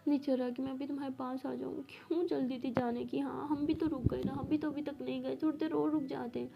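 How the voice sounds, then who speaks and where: A woman's voice: sits high, level tone, fairly quick, vocal fry, lo-fi sound. A woman voicing a clingy, lovesick teenage girl who pleads with longing, in a storytelling narration.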